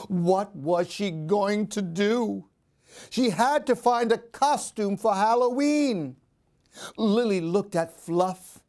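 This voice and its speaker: A man with a fairly high pitch and darkish tone reads a children's story for a library picture-book program. His reading is expressive and sing-song, and he poses questions to the young audience.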